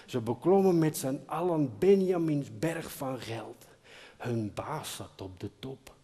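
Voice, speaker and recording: A man narrating a story as a dramatic recitation at a live concert, slow and expressive, dropping to near-whispers and rising to loud outbursts. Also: mid-range voice. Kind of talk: dramatic recitation over chamber music. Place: concert hall, live performance. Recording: live concert hall with long reverb.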